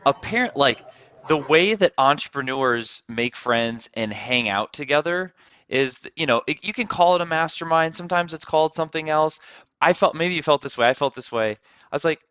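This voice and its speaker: Male host, hyped and punchy, fairly high and bright, dry dull lo-fi sound. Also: expressive, smooth, no echo. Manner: hyped, fast, repeats words. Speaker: podcast host. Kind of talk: energetic interview intro and chat.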